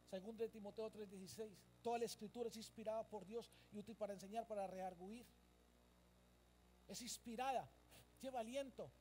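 A man's voice: sits high, mellow, a little hiss or hum. A male pastor preaching a sermon to his congregation, emphatic, asking them questions and repeating phrases. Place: church service.

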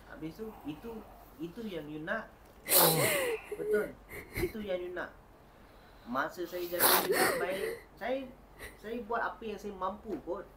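Reproachful man over loud noise. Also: high voice. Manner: reproachful, repeatedly demanding answers. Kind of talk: confronting, emotional talk.

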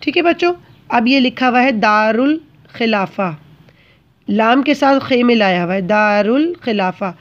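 A woman teacher with a somewhat high voice explains handwriting to children one step at a time. She is patient and keeps checking that they understand. The recording sounds muffled and lo-fi. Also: animated, a little slow.

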